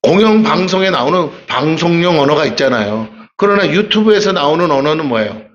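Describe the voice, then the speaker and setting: A man's voice: on the high side, animated, brisk, dull audio. A man with a Gyeongsang accent preaching a sermon in a church, talking conversationally and asking the congregation rhetorical questions. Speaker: pastor. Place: church sanctuary.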